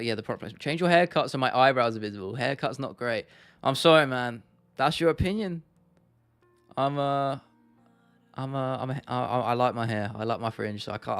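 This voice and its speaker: In a dry recording, a livestream host speaks in a clear, resonant, medium-pitched voice. His talk with viewers is casual and laddish, with phrases repeated for emphasis, and faint music and keyboard clicking are audible in the background.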